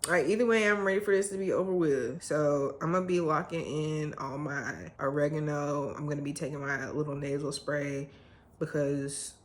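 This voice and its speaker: A low-pitched woman gives a chatty home vlog. Her nose is stuffy. She retells scenes in quick voices and trails off into asides. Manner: animated, laughs a lot, retells scenes in character voices. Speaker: book vlogger.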